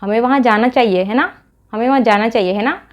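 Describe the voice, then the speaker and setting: A woman with an Indian accent teaching spoken English in Hindi, slowly modeling each English example sentence. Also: on the high side, highs cut off.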